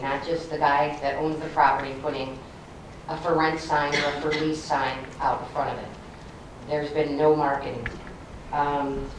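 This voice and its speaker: Low-voiced woman candidate in an echoey hall. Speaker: village board candidate. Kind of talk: prepared closing statement at a public forum. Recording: echoey hall, distant mic, background noise.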